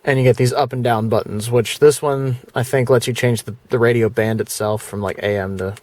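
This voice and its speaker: In a casual product walkthrough vlog, a man talks through his car stereo, first indoors and then inside his parked car. His medium-pitched voice is steady, a little mellow, and a bit quick, and his speech rambles loosely with fillers and restarts.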